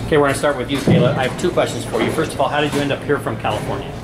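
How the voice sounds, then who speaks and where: A man hosting a sports press conference, introducing teams and asking players questions in a friendly, scripted way with filler pauses. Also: mid-range voice, steady tone, background noise. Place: tournament press conference room.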